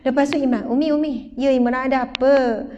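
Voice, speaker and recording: A middle-aged woman with a Malaysian Malay accent giving an animated religious talk, acting out scenes from family life. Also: sits high, brisk. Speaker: religious teacher. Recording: dull hall recording, faint noise.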